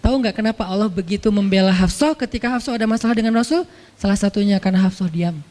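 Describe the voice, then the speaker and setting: A male preacher giving a casual, storytelling sermon, colloquial and lively, acting out the people in his story. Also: sits high, fast talker. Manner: colloquial, lively, acts out characters' voices. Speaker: Islamic preacher. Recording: long hall reverb.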